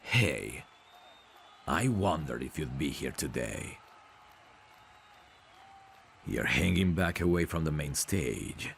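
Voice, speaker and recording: A voice actor plays a cocky, smug prizefighter, proud of his looks, in an ASMR roleplay audio drama, boasting and teasing with self-assured ease. His extremely low, gravelly voice is expressive, heavily acted, and smooth, delivered at a measured pace over a little hiss or hum.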